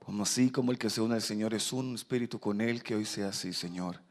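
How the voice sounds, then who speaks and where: A man's voice: fairly low pitch, fast talker. Fervent man praying from the pulpit. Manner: fervent, loud prayer, repeating "Señor". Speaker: pastor. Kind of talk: sermon and prayer.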